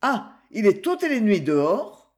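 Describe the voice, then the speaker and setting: Reader playing gruff male inspector, blunt questions, slow measured pace, lively intonation. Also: medium pitch. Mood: probing. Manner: blunt, interrogating. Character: brusque male police inspector, probing.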